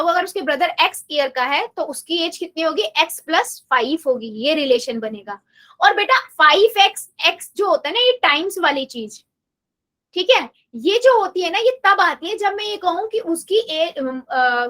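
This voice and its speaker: A woman with a very high voice teaches math in a live online class. She coaxes her students patiently and asks each question again and again, slipping English math terms into her sentences. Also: pushed and bright.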